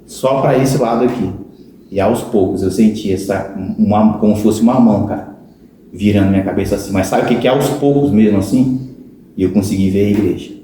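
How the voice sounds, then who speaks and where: A man's voice: fairly low pitch, fairly quick, dark tone, a little hiss or hum. A man with a Brazilian Portuguese accent, a podcast guest telling a personal conversion testimony in an earnest storytelling way, often calling his listener "cara". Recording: very echoey room.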